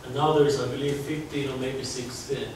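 Lecturing as a guest in a big hall, a man in his forties from Finland chats conversationally with students in his Finnish accent, often restarting phrases. He has a medium-pitched, steady voice and talks a little fast. The audio, from a far camera with no mic in sight, sounds echoey and distant, with background noise.

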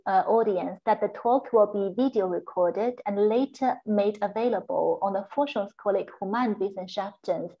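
A woman hosting an online lecture, giving a formal, polite introduction and housekeeping notes over a video call. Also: medium pitch. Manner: polite, formal, reads carefully. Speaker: host and moderator. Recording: dull lo-fi call audio.

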